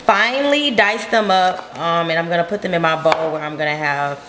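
Young woman vlogger, lowish voice, friendly step-by-step cooking chat over heavy kitchen noise. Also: normal speed. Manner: chatty, explains each step to viewers. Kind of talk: casual cooking demo. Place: home kitchen, indoors. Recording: loud kitchen noise behind.

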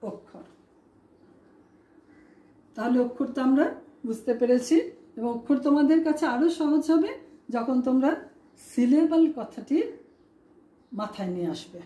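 Woman teacher, classroom lesson, higher voice, mellow tone, rhetorical questions. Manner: asks students rhetorical questions; spells out words syllable by syllable. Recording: echoey room.

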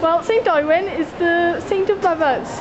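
Young female presenter, South Wales Valleys accent, high voice, homemade explainer video with echoey sound. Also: normal speed, muffled recording. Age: young adult. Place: small computer room, living room and shopping streets. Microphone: camcorder microphone a few feet away. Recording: roomy echo with clear background noise.

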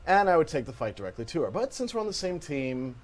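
A man's voice: a little high, very animated, fast. A man giving live stream commentary while demonstrating a game, chatty and joking as he narrates his own moves. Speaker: game demo presenter.

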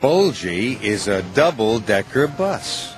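Slow, very expressive male storyteller. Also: on the low side, music in the background. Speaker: narrator. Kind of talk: storybook narration for children's TV.

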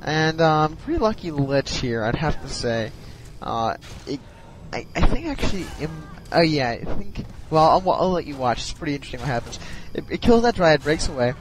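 Brief: slightly high-voiced man, drowsy, halting replay commentator. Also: big pitch swings, poor audio. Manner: hesitant, many ums and restarts. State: sleepy, yawning. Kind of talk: casual strategy game replay commentary.

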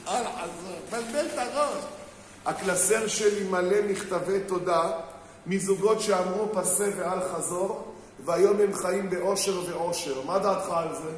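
High-voiced rabbi preaching in an echoey hall. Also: male voice. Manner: storytelling, acts out quoted people, asks the crowd questions. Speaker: rabbi giving a lecture on marriage. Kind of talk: sermon to a live audience. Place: synagogue hall with an audience. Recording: very echoey hall, faint background noise.

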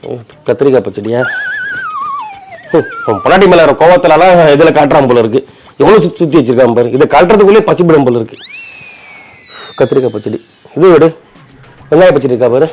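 A man's voice: a little high, expressive, quick pace, pauses often, darkish tone. A man with a Chennai Tamil accent in a bickering comedy skit, talking colloquially and argumentatively and often repeating himself.

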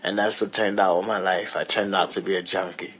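Halting low-voiced man talking to camera. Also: little pitch movement, fairly bright tone, slightly rough. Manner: halting, many restarts and fillers. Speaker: interviewee. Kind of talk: casual talk to camera. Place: small apartment indoors.

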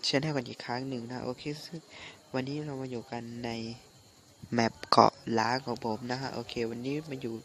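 A man doing casual gameplay commentary in a halting, muttering way, his voice phlegmy from recovering from flu. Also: mid-range voice, fairly even intonation, a bit bright, slight background noise. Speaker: gaming channel host.

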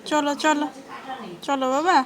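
A woman's voice: high voice, steady tone, measured pace, a crowd in the background. A young adult woman vlogging at home, coaxing her small child with repeated questions. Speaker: vlogger and mother. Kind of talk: casual home vlog. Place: family home.

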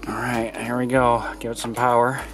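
A man talks into a handheld camera as he wanders through cluttered rooms, curious and upbeat, thinking aloud with plenty of fillers. His voice sits at an ordinary middle pitch. A little music plays faintly underneath. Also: completely flat delivery, moderate pace. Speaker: vlogger exploring and inspecting an old computer. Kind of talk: casual handheld vlog narration. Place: cluttered indoor rooms of an empty house. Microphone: handheld camera mic.

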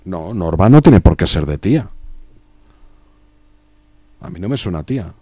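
A man's voice: deep voice, lively intonation, unhurried, warm tone, husky, no echo. A young man with a Spain Spanish accent, chatting casually and joking with his chat while streaming a strategy game. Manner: joking, chatty, reads chat aloud and riffs on it.

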